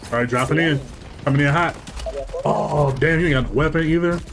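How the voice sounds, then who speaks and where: A man's voice: fairly high pitch, fairly quick, gravelly. A man in his thirties giving casual, slangy, teasing commentary as host of a gaming reaction show. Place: small room at home. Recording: noisy home recording with clicks.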